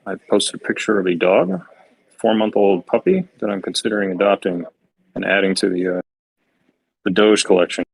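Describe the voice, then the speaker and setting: A man hosting a live stream, giving chart commentary in a measured, hedging way with frequent restarts. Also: low-pitched, gravelly, slightly rough, poor audio. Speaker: stream host and chart analyst.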